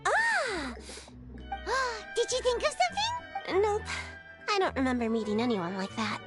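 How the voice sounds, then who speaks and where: A tiny, chirpy girlish creature with an extremely high, swooping voice. She is naive and bubbly, full of exclamations, as in a fantasy game, over loud music. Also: sing-song, measured pace, full character voice. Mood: bright, curious. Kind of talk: video game voice acting.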